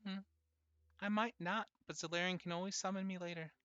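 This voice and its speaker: Tabletop game: the game master doing a booming summoned herald, calm menace, bright and forceful tone. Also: smooth, no echo, muffled recording, natural voice. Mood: ominous. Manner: booming, measured threats.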